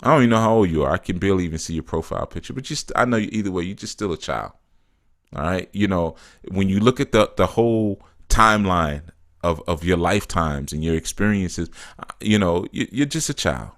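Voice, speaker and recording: A man with a very low voice talks loosely on a live stream, reading out viewers' comments and answering each one. He laughs often and drops "you know" and "man" into his sentences. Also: expressive, brisk. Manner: reads viewer comments aloud and answers them. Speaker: spiritual teacher answering live chat.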